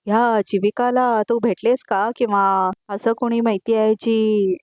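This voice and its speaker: A woman's voice: a little high, steady tone, unhurried, a little mellow, no room sound, close to an everyday voice. A woman reading the lines of a suspicious woman who probes with pointed questions, in a dry recording. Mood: probing.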